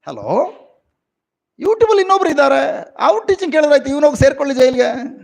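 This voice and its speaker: A middle-aged Indian man preaches in a Kannada-accented voice that sits high for a man. His delivery is emotional, rising into loud exclamations and then sinking into quiet, reflective asides. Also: sing-song, brisk, creaky. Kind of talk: sermon.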